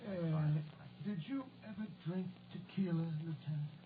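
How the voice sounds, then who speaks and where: An actor playing a jovial, folksy American cavalry sergeant spinning yarns in a 1940s radio drama. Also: male voice, on the high side, a little slow, narrow, tinny audio, natural voice. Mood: jovial, reminiscing. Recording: noisy, thin, band-limited old radio recording.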